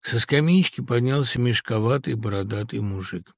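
A man narrating a comic short story as an audiobook, in a lively, wry manner. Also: medium pitch, moderate pace, creaky, no room sound, studio quality.

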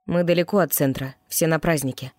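A narrator giving voice to a blunt demon guardian in a storybook, gruff and plain-spoken, with a middle pitch and a kind streak under it. The voice is close and completely dry. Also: fairly even intonation, brisk, darkish tone, no echo, close to an everyday voice. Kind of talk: audiobook character voice.

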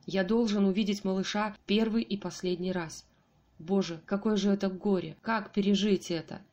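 A woman reading an audiobook voices a grieving young husband who is quick to rage, her delivery strained and rising. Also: mid-range voice, steady tone, darkish tone, lo-fi sound, lightly acted. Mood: anguished.

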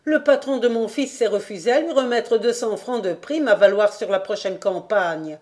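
A woman's voice: mid-range voice, normal speed, natural voice. A woman voicing a fierce, outspoken old woman in an audiobook, answering sharply. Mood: defiant. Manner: sharp retorts.

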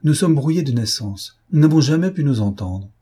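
A man's voice: a little high, expressive, normal speed, mellow, slightly rough, voice pushed up. A man voicing a teasing young noblewoman. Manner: teasing and impertinent. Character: impish, badly-behaved young noblewoman.

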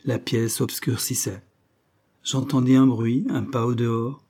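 A man narrates a classic novel, measured and expressive. His voice is mellow and dark, with a soft husky edge. It suits a literary audiobook. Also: mid-range voice. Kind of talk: scripted narration.

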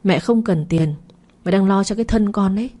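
A woman's voice: mid-range voice, fairly quick, dark tone, close to an everyday voice. A woman voicing a stern scolding mother. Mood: anguished. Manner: scolding, demanding. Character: stern angry middle-aged mother.

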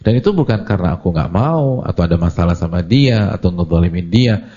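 A man gives a lively, conversational sermon and keeps turning to the audience with questions. His voice is very low, dark and husky, with plenty of gravel in it. The lecture recording is dull and lo-fi. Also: a little fast. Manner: animated, acts out quoted voices, asks the audience questions. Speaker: Islamic preacher.

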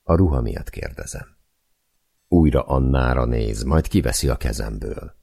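A man reading a novel aloud in the first person, with intimate, measured storytelling. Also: rumbling low, animated, vocal fry, mellow, husky. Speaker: audiobook narrator.

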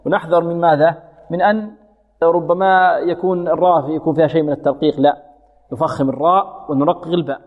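A man teaching Quran recitation rules. He asks his students questions and answers them himself, and he recites verses slowly as examples. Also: a little high, steady tone. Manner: has students repeat sounds after him. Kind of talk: tajweed lesson with slow recited examples. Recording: phone-like audio with long hall reverb.

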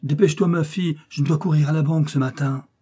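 Storybook role: a busy, impatient father mouse, read by a man, raised voice, husky and mellow. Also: on the high side, steady tone, pitched above the performer's own voice. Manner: brisk, impatient. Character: hurried, harried father mouse, busy worker.

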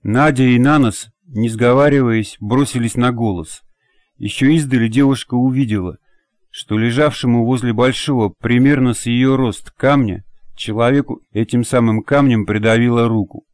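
A man narrating an audiobook with a steady, measured delivery. His pitch sits in the middle of the male range. The recording is dry and close. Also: no echo. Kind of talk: scripted narration.

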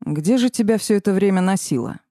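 A woman's voice: mid-range voice, animated, a little fast, mellow, no room sound, studio quality, lightly acted. A woman voicing a teasing, nosy male mage in an audiobook, prying and mocking.

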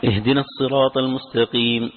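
A man reading a classical commentary aloud to his teacher, briskly, with occasional stumbles and restarts. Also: mid-range voice, little pitch movement, a little hiss or hum. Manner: brisk recitation with occasional stumbles and self-corrections. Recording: tinny phone-like lecture recording with long hall reverb.

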